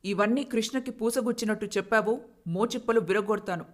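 A woman voicing a harsh, domineering rich mother-in-law in a storybook tale, shouting scornful threats. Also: medium pitch, a little fast, close to an everyday voice. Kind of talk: storybook narration.

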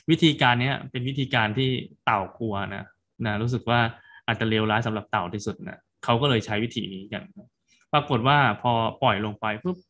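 Monk retelling a tale in a chatty way. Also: male voice, medium pitch. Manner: casual storytelling, tags sentences with soft particles. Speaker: Buddhist monk teacher. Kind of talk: sermon retelling a folk tale.

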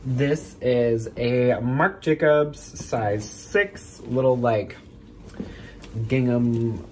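A man's voice: mid-range voice, extremely slow, darkish tone, a little hiss or hum. A man in his twenties with an American accent, co-hosting in casual chat and speaking toothless, without his teeth in. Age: 20s. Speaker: co-host. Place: small plain room indoors.

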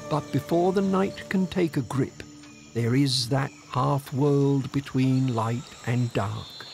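A man reading scripted nature documentary narration in a measured storytelling manner. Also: medium pitch, creaky. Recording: music under the voice. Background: background music.

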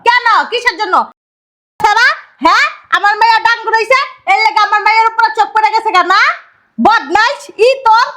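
An actress playing a sharp-tongued middle-aged stepmother who scolds sarcastically. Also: extremely high pitch. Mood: scolding. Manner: scolding, sarcastic, rapid retorts.

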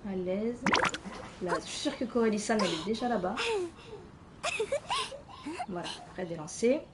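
A woman's voice: mid-range voice, normal speed, heavy background noise. A woman streaming a game late at night at home, chatting loosely with her viewers and chuckling as she reads their messages. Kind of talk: casual live-stream chat.

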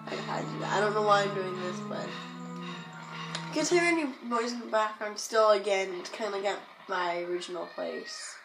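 A woman's voice: mid-range voice, normal speed. A woman giving chatty, goofy, self-mocking commentary while she plays a video game, recorded on a distant mic in a room with game music behind her. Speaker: let's play gamer. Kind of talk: casual gameplay commentary. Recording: echoey room, voice far from the mic.

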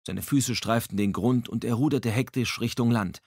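A man reading an audiobook in a measured, dramatic storytelling manner on a close microphone. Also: medium pitch, a little mellow, husky, dry recording. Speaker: audiobook narrator. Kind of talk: scripted audiobook narration.

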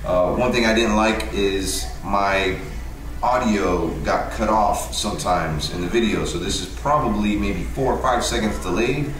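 A man's voice: lowish voice, a little slow, a bit bright. A man in his thirties chatting loosely to a 360 camera in a hair salon, rambling with fillers. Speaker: vlogger. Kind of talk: casual vlog talk to camera. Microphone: 360 camera built-in mic. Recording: roomy salon sound with music behind.

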